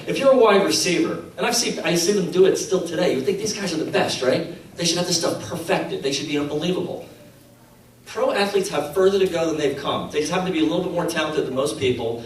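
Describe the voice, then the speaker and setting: A middle-aged man with a fairly high voice tells stories to a crowd, animated and acting out every quote. He is recorded in a very echoey hall from some distance, with faint room noise behind him. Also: fast. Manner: animated, acts out quotes, laughs at his own stories. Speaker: speaker at a faith conference. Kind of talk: storytelling talk to an audience.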